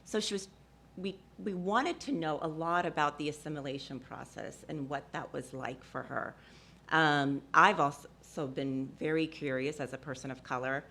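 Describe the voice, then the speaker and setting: A woman's voice: low voice, moderate pace, creaky, sharp tone. A woman from Ethiopia speaking on a discussion panel, hesitant and full of fillers, often laughing.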